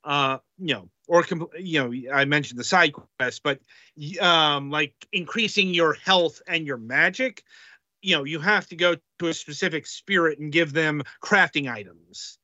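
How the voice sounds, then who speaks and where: Slow, hesitant man with a bright voice. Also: a little high, dry recording, dull audio. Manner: halting, heavy on fillers. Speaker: podcast co-host reviewing games. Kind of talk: casual review chat.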